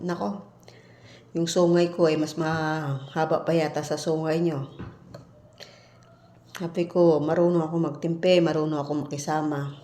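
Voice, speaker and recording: A woman from the Philippines, a domestic worker abroad, telling a story bluntly in a casual vlog and acting out the arguments she quotes. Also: low voice. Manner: blunt, animated retelling with quoted exchanges. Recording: echoey room.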